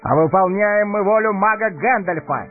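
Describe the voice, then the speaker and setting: A man's voice: medium pitch, lively intonation, moderate pace, pitched above the performer's own voice, close to an everyday voice. A man voicing a noble, brave male warrior heir with a solemn, dignified manner. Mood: stern. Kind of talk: audiobook character voice. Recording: tinny narrow-band recording, faint music.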